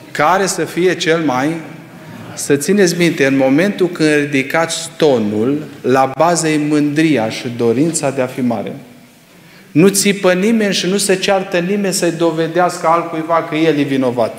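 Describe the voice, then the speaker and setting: A man preaching a sermon, swinging between loud rising exclamations and hushed low asides, firing rhetorical questions at the congregation. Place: church hall. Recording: echoey reverberant church hall.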